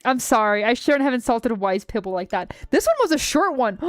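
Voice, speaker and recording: A woman streamer chatting casually and reading a game story aloud, excitable and jokey. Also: a little high, fairly quick, dry recording, clean studio sound, soft background music.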